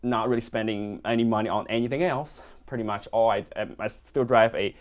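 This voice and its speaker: Hesitant man, low voice. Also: fairly even intonation, fairly quick. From Hong Kong. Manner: hesitant, many fillers and restarts, modest. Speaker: watch collector guest. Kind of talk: casual interview.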